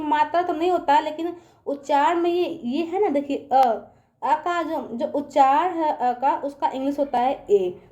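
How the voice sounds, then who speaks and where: A woman's voice: high-pitched, mellow. A woman teaching young children in a patient online lesson, asking them questions and repeating herself often.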